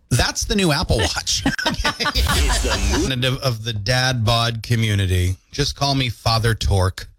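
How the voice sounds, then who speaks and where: A man's voice: medium pitch, a little slow, music in the background. A man in his thirties co-hosting a morning radio show, telling stories and joking playfully. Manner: playful, animated storytelling with jokes. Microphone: studio mic.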